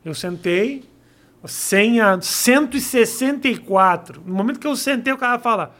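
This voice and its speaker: A man's voice: very high-pitched, animated, moderate pace, a bit bright. A man, hosting a casual chat in a laid-back, swearing way. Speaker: host.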